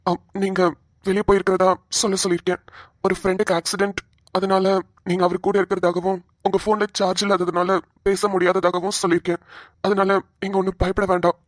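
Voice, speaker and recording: A woman voicing a calm, reassuring young male police officer in a cartoon. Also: medium pitch, quick pace, no room sound, clean studio sound, voice pushed down, close to an everyday voice. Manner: steady, reassuring. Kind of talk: cartoon voice acting.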